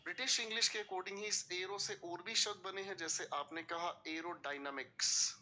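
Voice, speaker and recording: A man's voice: high-pitched, fairly even intonation, normal speed, bright, forceful tone, slight background noise. A man teaching English vocabulary in a classroom-style video lecture, explaining patiently and asking students to repeat words. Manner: mixes English terms into Hindi explanation.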